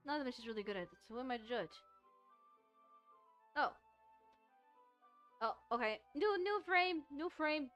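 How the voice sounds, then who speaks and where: This time the woman's voice sits high and sounds expressive and a little bright, moving at a normal pace with frequent pauses, though the recording is muffled. She's streaming a visual novel, blending rambling, playful let's-play talk with reading aloud over background music.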